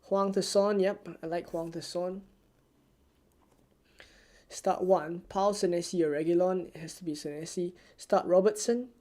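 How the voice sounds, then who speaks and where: A fantasy football streamer from Singapore answers viewer questions during a live stream. His delivery is soft and low-key, almost ASMR-like, with fairly even intonation and a slightly slow pace.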